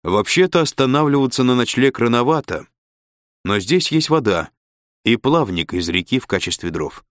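A man's voice: mid-range voice, expressive, moderate pace, no room sound, studio quality, natural voice. A man voicing a practical, matter-of-fact male officer in an audiobook. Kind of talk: audiobook character voice.

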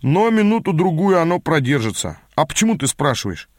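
A man's voice: on the high side, sing-song, fairly quick, no echo, clean studio sound, voice pushed up. Man doing a mild, easygoing troll. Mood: calm. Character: easygoing, polite, learned male troll.

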